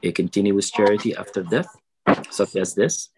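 A man giving a fundraising sermon over a video call. He quotes Arabic sayings, then translates and explains them slowly. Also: fairly low pitch, fairly even intonation, darkish tone, low-quality recording. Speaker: preacher at a fundraiser.

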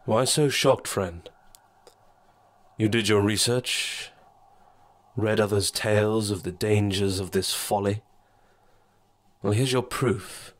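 A man's voice: fairly low pitch, fairly even intonation, slow, pauses often. A man voicing a mocking, formless shadow entity. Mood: taunting. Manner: taunting, smooth and condescending. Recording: long reverb.

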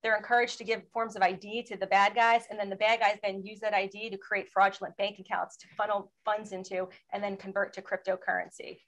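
A woman speaking as a panelist in a webinar presentation, explaining in a steady way and asking for slide changes. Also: mid-range voice, fairly quick, hardly any pauses, rough recording. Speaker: federal law enforcement panelist.

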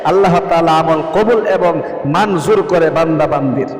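A man preaching, teaching prayers and chanting the recitations in a slow, drawn-out melodic way. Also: on the high side, a little mellow. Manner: pleading, emotional supplication. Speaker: Islamic preacher. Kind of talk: devotional instruction with chanted recitation. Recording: echoey reverberant room with faint music.

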